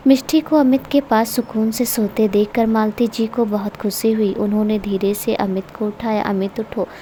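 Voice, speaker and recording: A woman narrating an emotional family story in a steady, emotive reading style. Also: a little high, normal speed, slight background noise.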